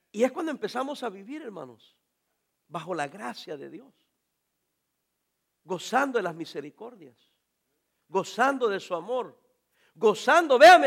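High-voiced preaching man. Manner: animated preaching, addresses congregation directly, sudden shouts. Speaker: pastor. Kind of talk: sermon.

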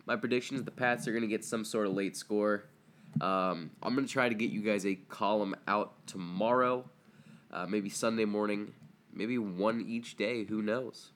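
A young man hosts his own podcast in a relaxed, rambling way, dropping ums and uhs as he goes. His voice sits a little low and sounds stuffy from a cold. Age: young adult. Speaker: podcast host. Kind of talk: casual solo podcast chat.

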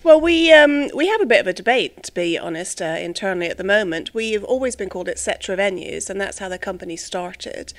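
A woman's voice: mid-range voice, lively intonation, a little fast, few pauses. A middle-aged woman born in England and raised in the United States, chatting as a podcast guest and explaining things with frequent hesitant fillers. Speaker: company employee, guest. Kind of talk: casual podcast interview.

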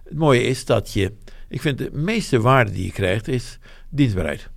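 A man's voice: mid-range voice, lively intonation, unhurried, creaky, dry recording, clean studio sound. A man, talking frankly and at length about his business life, rambling and self-deprecating. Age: 70s. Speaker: interviewee, business owner. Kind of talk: reflective interview talk.

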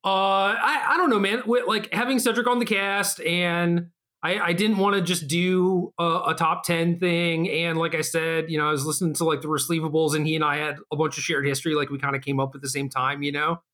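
Bright, higher-voiced male podcast host. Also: fairly even intonation, a little fast. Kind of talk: casual podcast chat.

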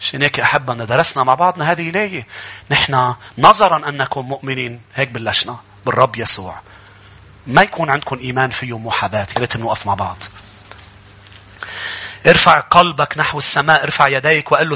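A man preaches in church, talking at a rapid clip in a bright, forceful voice with a slightly husky edge. He is an animated pastor who calls out to the congregation. Soft music plays faintly behind him. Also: mid-range voice. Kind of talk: sermon.

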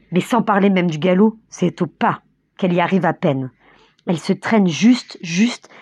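A woman narrating a novel aloud as an audiobook, with vivid, expressive storytelling and a husky voice. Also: mid-range voice, no room sound.

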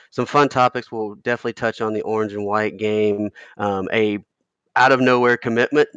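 A man's voice: fairly low pitch, fairly bright tone, smooth, no room sound, highs cut off. A man guest-hosting a casual sports podcast, joking and loose, rambling with fillers.

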